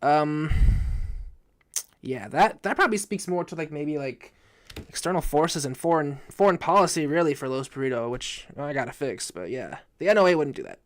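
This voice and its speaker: A man's voice: fairly high pitch, lively intonation, moderate pace. A drunk man giving casual live reaction commentary from his room, rambling, swearing and stumbling over his words. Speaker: live streamer reacting to a video.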